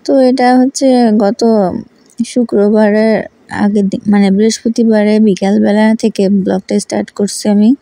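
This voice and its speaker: A woman's voice: medium pitch, warm tone, no echo. A woman vlogger from Rangpur, Bangladesh, chatting in a casual, rambling voice-over and often correcting herself.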